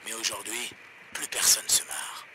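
A man's voice: fairly low pitch, little pitch movement, unhurried, whispered, rough recording. An actor playing a paranoid male conspiracy radio host, ranting and mocking on a pirate radio broadcast in a game. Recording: loud background noise.

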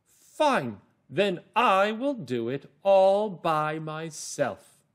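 A man voicing a determined, hard-working female hen from a storybook, with emphatic, carefully drawn-out words. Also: on the high side, big pitch swings, voice pushed up, exaggerated voice. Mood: huffy, determined.

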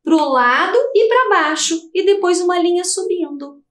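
High lilting Brazilian woman teacher. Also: expressive, normal speed, a bit bright, reverberant. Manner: patient, step-by-step explaining with a lilting voice. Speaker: primary school teacher. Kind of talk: televised lesson for young children.

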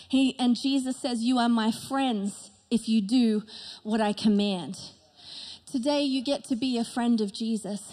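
A middle-aged woman pastor preaching an emphatic sermon on a large church stage into a handheld microphone. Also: high-pitched.

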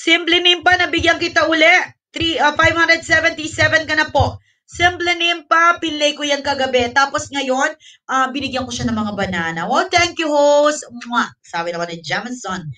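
High bright woman host on a live stream, kinda out of breath, chatty, a bit away from the mic. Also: normal speed, distant mic. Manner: chatty, thanking viewers and giving gifts; mixes English into Tagalog. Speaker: livestream host. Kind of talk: casual livestream chat.

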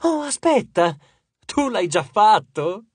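A man's voice: a little high, big pitch swings, normal speed, no room sound. A man reading an audiobook and voicing a cocky teenage boy hero who mocks and brags. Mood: mocking. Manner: brash, showy, mocking.

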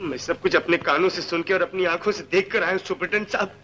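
A man's voice: sits high, fast, bright, forceful tone, muffled recording. An actor playing a simple, kind-hearted young man in a 1960s film, talking earnestly and emotionally. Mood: pleading.

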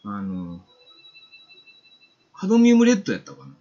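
A man's voice: on the low side, wildly swooping pitch, normal speed, mellow, dull audio. A man with a Kansai accent giving a casual, chatty watercolor painting demo on a live stream, reading viewer comments aloud.

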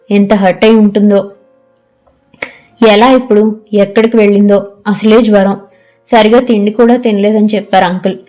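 A woman narrating an audio novel with steady, measured storytelling. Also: medium pitch. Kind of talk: scripted narration.

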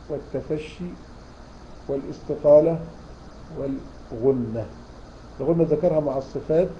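A man's voice: a little high, dark tone, muffled recording, slight background noise. A man with an Egyptian accent teaching tajweed in an online lecture, asking his students questions and repeating key terms. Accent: Egyptian Arabic. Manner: explains in a questioning, repeating style. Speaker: Quran recitation teacher.

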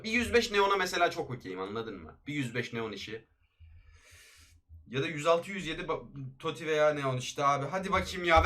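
Young guy yelling through game pack openings, fast and bright, all hype then groans. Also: a little high. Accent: Turkish.

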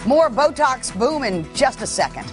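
A woman's voice: high-pitched, very animated, moderate pace, over loud music. A woman TV host, friendly and chatty. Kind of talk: TV show host chat.

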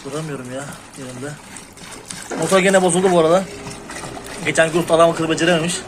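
Man, high pitch, casual farm vlogger, outdoor chicken yard, loud background noise, shoos birds. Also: steady tone, quick pace. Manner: talks to the chickens and shoos them loudly. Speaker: poultry hobby vlogger. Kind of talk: casual chat to camera while doing farm chores. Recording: noisy outdoor sound with birds.

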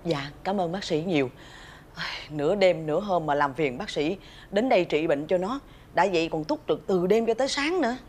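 An actress playing a humble, worried mother who speaks slowly and deferentially. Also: fairly low pitch, animated, a little mellow. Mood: grateful. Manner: deferential, slow. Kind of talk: web drama acting.

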